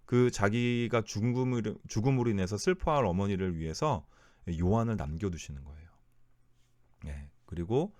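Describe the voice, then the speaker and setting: A man's voice: on the low side, moderate pace, a little mellow, dry recording, studio quality. A man teaching a Bible study, who asks his listeners rhetorical questions and corrects himself mid-sentence.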